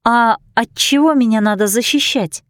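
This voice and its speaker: A woman's voice: on the high side, moderate pace, no echo, pitched above the performer's own voice, natural voice. A woman reading aloud, voicing an earnest young fairy girl who asks questions and stands her ground.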